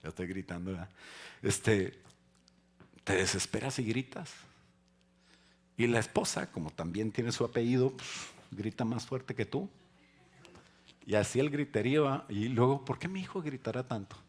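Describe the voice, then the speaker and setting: Husky preacher who builds to shouting. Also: male voice, fairly low pitch, a little slow, pauses often. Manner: conversational preaching with jokes, rising to shouting emphasis. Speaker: pastor. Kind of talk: sermon.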